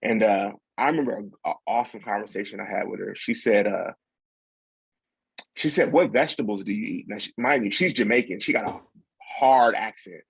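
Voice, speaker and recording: A young man, a podcast guest, telling a story in a relaxed, rambling way with plenty of fillers and restarts. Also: on the low side, moderate pace, gravelly, husky, dry recording, poor audio. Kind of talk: casual storytelling.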